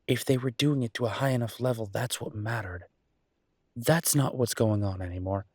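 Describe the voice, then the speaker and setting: In an intimate audio roleplay, a man plays an affectionate chef boyfriend who grumbles a little, talking casually, teasingly, and haltingly in a husky voice. It's medium-pitched and darkish, natural-sounding, with a dry, studio-quality recording.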